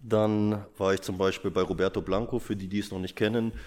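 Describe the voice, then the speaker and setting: A man with a low voice answers as an interviewed school caretaker. He talks informally, in an anecdotal style. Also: little pitch movement, a little fast, a little mellow.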